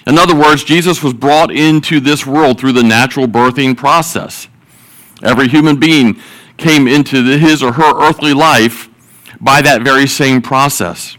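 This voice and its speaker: A man with a bright, fairly high voice preaches to his congregation. He eases in with folksy joke stories before turning to scripture, often repeating words as he goes. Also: low-quality recording. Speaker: pastor. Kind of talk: sermon with jokes.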